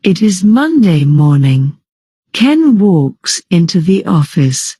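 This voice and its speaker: A woman storyteller reading a simple story for English learners at a very slow, steady pace. Her pitch rises and falls widely, her voice is mellow and a touch breathy, and the sound is dry and close. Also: dry recording. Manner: slow, simple, clearly paced sentences. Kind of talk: slow scripted story narration.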